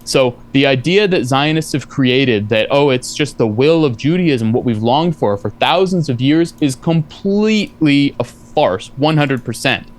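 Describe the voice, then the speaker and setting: A man's voice: mid-range voice, lively intonation, a little slow, hardly any pauses. A man in a heated debate, talking insistently in a lecturing way and cutting in with repeated no's. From family from Eastern Europe. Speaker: debate guest.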